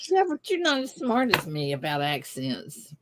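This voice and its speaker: Hosting a casual live-stream chat, this middle-aged Texan woman talks with viewers in a giggly, relaxed manner and a Southern accent. Her low voice swoops wildly in pitch at a normal speed. The background is noisy.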